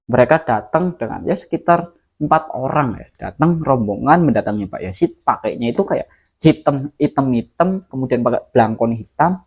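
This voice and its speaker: A man narrates a horror story in a loose, conversational way, turning to his listeners directly again and again. His voice sits at an ordinary middle pitch and leans dramatic during the tense moments. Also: lively intonation, moderate pace, husky. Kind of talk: casual spoken horror storytelling.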